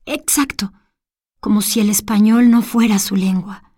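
A fretful, remorseful lady, as a woman reader puts her on, repeating herself in a higher, anxious storybook voice. The delivery is slow and mellow, heard close and dry with no room around it. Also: fairly even intonation, no room sound, lightly acted. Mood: recalling. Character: flustered middle-aged lady, remorseful. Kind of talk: storybook reading.

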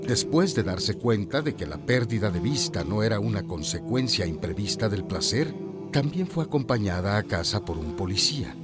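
A man narrating a dramatized literary audiobook as a scripted storyteller. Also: medium pitch.

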